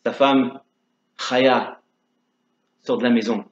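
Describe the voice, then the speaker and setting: A man teaching Torah through a dramatic story, moving between hushed narration and loud calls. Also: medium pitch, fairly even intonation, slow pace. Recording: dull lo-fi sound in an echoey room.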